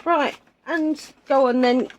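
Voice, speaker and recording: A woman's voice: high voice, steady tone, slow pace, dull audio, a little hiss or hum. A woman, chatting casually while unboxing a subscription box with her partner, with chuckling asides. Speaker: co-host of an unboxing channel.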